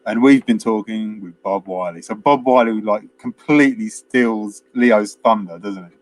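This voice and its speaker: On a film review show, a co-host with a lowish voice talks a little slowly, rambling through casual chat full of fillers and restarts and acting out quotes. There's a slight hiss or hum in the recording.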